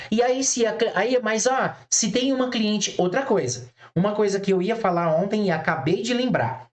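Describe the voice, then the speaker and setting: A man teaching eyebrow designers in a casual online class, chatty, blunt and familiar with his listeners, often acting out conversations with clients. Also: high-pitched. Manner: chatty, acts out client dialogues in quoted voices.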